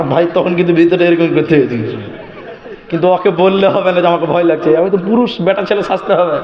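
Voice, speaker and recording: High-voiced preacher from Assam, echoey. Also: male voice. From Assam, India. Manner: lively storytelling, acting out dialogue, chuckling asides. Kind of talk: Islamic sermon with comic storytelling. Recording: echoey dull PA sound.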